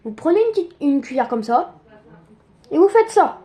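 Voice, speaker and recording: A young woman giving a casual cooking tutorial in her home kitchen, chatty and quick to joke about herself. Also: high voice, sing-song, mellow, slight background noise. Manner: chatty, joking, self-mocking asides.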